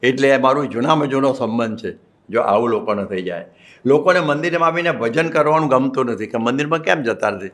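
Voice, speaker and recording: A man's voice: medium pitch, animated, fairly quick, fairly bright tone. A man with a Gujarati accent, a monk preaching a religious discourse, telling folksy stories with acted quotes and chanted Sanskrit verses.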